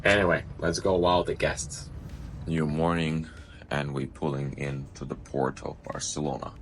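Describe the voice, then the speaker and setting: A man's voice: rumbling low, flat delivery, unhurried, slight background noise. A man chatting casually as he vlogs his working day as an assistant cruise director. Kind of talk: casual vlog chat.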